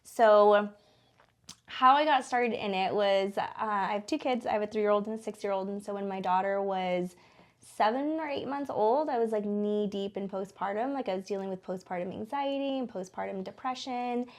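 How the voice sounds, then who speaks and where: In a small studio, a woman in her thirties talks as an interview guest at medium pitch and normal speed. Born in the Philippines, she moved to Denver at eight and is American; she co-owns a small business and speaks casually and chattily, leaning on fillers such as "like."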